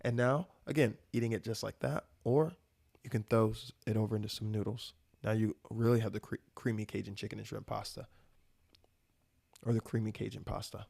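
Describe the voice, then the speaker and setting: Fairly quick and steady in tone, the young male podcast host from the American South sounds gravelly, husky and darkish, his voice sitting on the low side. Alone at the mic, he rambles eagerly about food and swears casually.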